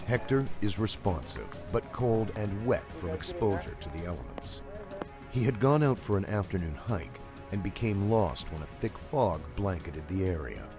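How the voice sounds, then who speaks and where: A very low-voiced man narrates a scripted documentary, his pacing measured and storytelling in style, his pitch moving in a lively way. Music can be heard clearly behind him.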